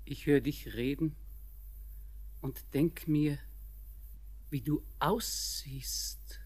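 An actress playing a frail, brooding old grandmother, musing and halting in a radio drama. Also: low-pitched, darkish tone, husky, exaggerated voice. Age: older. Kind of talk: poetic German radio play acting.

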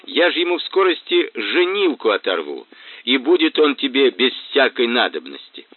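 Guy playing a drunk brawler, loud and crude, swoops up and down, phone-thin sound. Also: mid-range voice, big pitch swings, normal speed, no room sound, voice pushed up. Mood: rowdy. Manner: loud, coarse, blustering threats. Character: drunk, rowdy middle-aged male thug. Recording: tinny phone-like band, dry.

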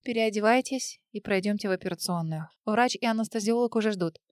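A woman voicing a gentle female nurse who asks questions softly and politely. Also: medium pitch, brisk, no room sound, studio quality, close to an everyday voice. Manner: soft, polite.

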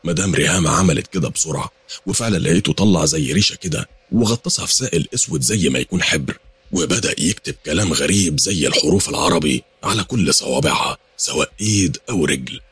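Egyptian male horror narrator, brisk storytelling, very deep voice, fast pace. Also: lively intonation, a bit bright, breathy edge, no echo. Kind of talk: first-person horror storytelling.

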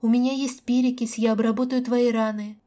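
A woman's voice: a little high, flat delivery, fairly quick, warm tone, close to an everyday voice. Woman voicing a tearful, pleading young woman. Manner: pleading, on the verge of tears.

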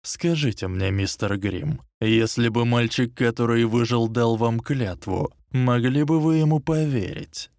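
A man voicing a cold, menacing dark lord who speaks low and slow. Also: no room sound, studio quality, lightly acted. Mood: coldly menacing.

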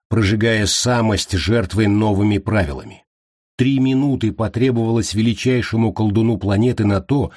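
A man narrating a fantasy audiobook in an expressive, lively reading. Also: fairly low pitch, slightly rough, no echo, clean studio sound. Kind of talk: scripted narration.

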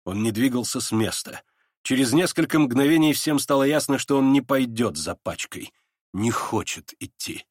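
A man narrating a classic novel in a dramatic audiobook reading. His mid-pitched voice moves with lively inflection. The recording is close and dry, with no room around it. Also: moderate pace, dry recording. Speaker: audiobook reader.

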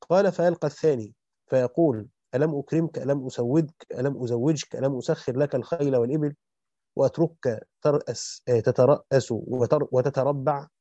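A man reads through a classical Quran commentary at speed, steady and matter-of-fact, fixing small slips as he goes. His voice is dark and mellow. The recording is dry and a bit dull, like a lo-fi home setup. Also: medium pitch, no echo. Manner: fast and even, with quick self-corrections. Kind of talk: rapid scholarly reading aloud.

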